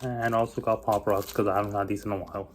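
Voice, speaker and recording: A man's voice: lowish voice, flat delivery, fast talker, a little hiss or hum. Laid-back sick man vlogging. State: sick, slightly husky. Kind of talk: casual vlog chat. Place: walking outdoors and at home.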